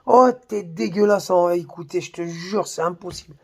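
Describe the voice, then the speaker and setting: A man's voice: sits high, normal speed, vocal fry, slightly rough. A man on his own channel in a heated, mocking rant full of slang and swearing. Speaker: YouTuber. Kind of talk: heated insulting rant to camera.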